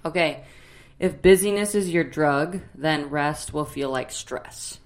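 Playful woman co-hosting a casual podcast. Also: deep voice. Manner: playful, quick short replies. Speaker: podcast co-host. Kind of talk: casual chat.

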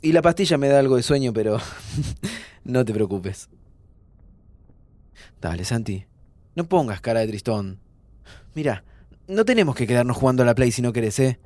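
A man's voice: medium pitch, very animated, moderate pace, long pauses, warm tone, no room sound, natural voice. An actor playing an ill young man with a Rioplatense Spanish accent who jokes and reassures his friend. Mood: reassuring. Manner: playful, soothing, tired. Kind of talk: audio drama acting.

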